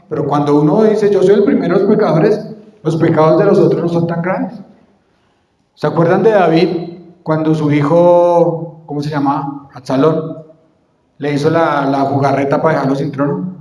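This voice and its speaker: A man preaching a sermon in a fairly high voice, firing questions at his congregation and answering them himself. The recording carries the strong echo of a church hall, and each phrase lingers in a long reverb. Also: darkish tone.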